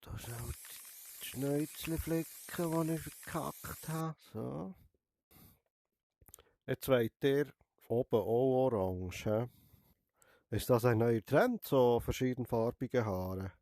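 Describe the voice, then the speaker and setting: Speaking slowly and pausing often, a young Swiss-accented streamer nursing a cold plays a barber in a VR game with playful teasing, capping sentences with a quizzical "hä?". His dark, mid-range voice is recorded in a studio with no room sound.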